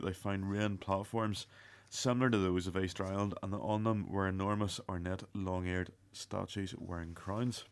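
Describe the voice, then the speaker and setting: A man with a fairly low voice presents a radio show from a script. His reading is halting, with the occasional stumble and self-correction as he narrates.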